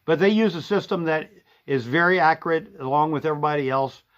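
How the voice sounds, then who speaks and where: Talking casually on his live stream, the sewing and vacuum shop owner, a middle-aged man, rambles folksily with plenty of fillers and false starts. His voice is a little high, fairly quick and a bit bright, and the stream audio sounds dull and lo-fi.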